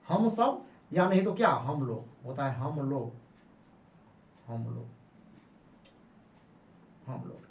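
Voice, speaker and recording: A woman's voice: mid-range voice, a little mellow, muffled recording. A woman teacher gives a lesson, repeating each point and asking questions that she answers herself. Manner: repeats points and asks rhetorical questions, then answers them. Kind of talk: classroom-style lesson. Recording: echoey room.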